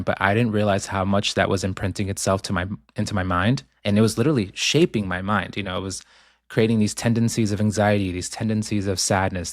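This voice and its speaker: Calm low-voiced man, reflective. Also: no echo, studio quality. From Ecuador, raised in Boston. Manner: calm, thoughtful, with frequent ums. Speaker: author guest. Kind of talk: reflective interview talk.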